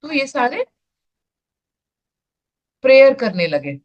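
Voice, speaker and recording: Slow-spoken Indian woman teacher. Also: sits high, big pitch swings, lo-fi sound. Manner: slow, searching for words, screen-sharing as she talks. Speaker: spiritual teacher. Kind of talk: explaining to an online group.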